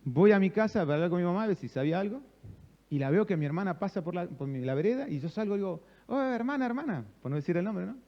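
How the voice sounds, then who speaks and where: A male pastor with a Rioplatense Spanish accent preaches a sermon in a church sanctuary, his high, animated voice very fast. The recording is muffled with big-room sound, and he calls on the congregation to respond while acting out conversations.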